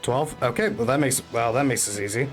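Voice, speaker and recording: A man runs an online tabletop game as game master, narrating the scene. He stumbles and restarts his sentences often, at a middle pitch. Faint music plays under the call. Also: fairly quick. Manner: stammering, many restarts while narrating.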